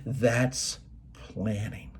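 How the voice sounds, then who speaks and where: A man's voice: fairly low pitch, fairly even intonation, very slow, a little hiss or hum. A middle-aged man giving a motivational presentation, telling movie stories in a folksy way. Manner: folksy storytelling, quoting movie lines.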